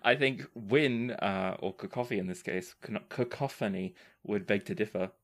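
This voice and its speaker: Speaking at a fairly low pitch, a male podcast host acting as game master takes questions sent in by listeners, reading each one and replying with careful, deliberate wording.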